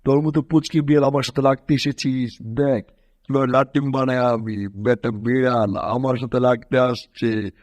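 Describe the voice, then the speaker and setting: A man's voice: mid-range voice, fairly even intonation, moderate pace, darkish tone, no echo, close to an everyday voice. A man voicing a big, cocky male wrestler in a fan cartoon dub, taunting and gloating at his opponent.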